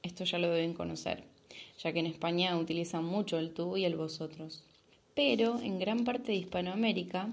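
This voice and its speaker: Argentine woman, Spanish teacher, podcast lesson; low gravelly voice, patient, checks in with listeners often.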